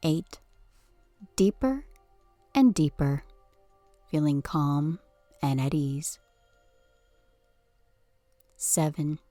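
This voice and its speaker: A woman leading a guided hypnosis session with a slow, soothing countdown delivery, soft and breathy at phrase ends. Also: low voice, big pitch swings, no echo, soft background music. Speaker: hypnosis podcast host.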